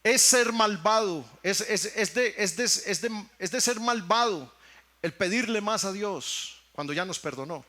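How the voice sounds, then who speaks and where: Mexican pastor guy preaching, highish voice, keeps repeating himself, calls everyone brother. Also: a little slow, sharp tone. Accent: Mexican Spanish. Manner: preaching with emphatic repetitions, addressing the congregation as brothers. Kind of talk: sermon.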